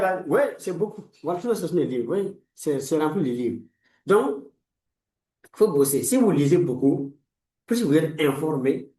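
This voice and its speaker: A man's voice: a little high, dark tone, roomy sound, far from the mic, poor audio. A man in his forties, a life coach giving a motivational talk in a preachy, repetitive way, full of blessings. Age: 40s. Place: room lined with books, indoors.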